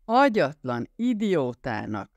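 A raging drunk husband, slurring and snarling as he bullies a room at gunpoint, put on by a male audiobook reader. The voice pushes up high and loud with wild swings. It is close and dry with no room sound. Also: very animated, no room sound. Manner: snarling, yelling, slurring threats. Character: drunk violent jealous husband with a gun.

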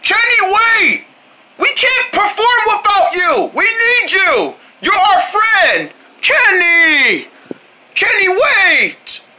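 A woman voicing a frantic cartoon friend who shouts and pleads at a high pitch. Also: sing-song, very slow, noisy background, full character voice. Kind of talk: homemade cartoon voice acting.

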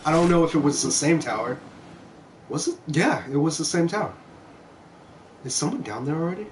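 On a clearly noisy home stream, a young man commentates on his gameplay through a headset, laid-back, swearing and poking fun at himself. His voice is on the high side, animated and a little fast, and he records in an indoor room at home.

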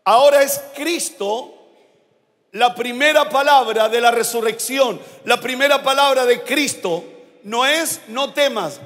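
High-voiced Chilean pastor preaching slowly. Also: male voice. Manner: slow, emphatic preaching with shouted climaxes. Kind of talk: sermon. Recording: long hall reverb.

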